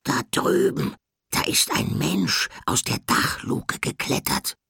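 A man voicing a grumbling, wistful male bird with claws in an audiobook, drawn out and slow. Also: bright, forceful tone, dry recording. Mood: excited. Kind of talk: audiobook character voice.

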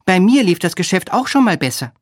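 A man's voice: sits high, very animated, brisk, no echo, clean studio sound, voice pushed up. Motherly, curious kiosk lady, read by a man in a raised, fond, cooing voice for a storybook. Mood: fond, chatty. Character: friendly nosy kiosk woman, motherly.

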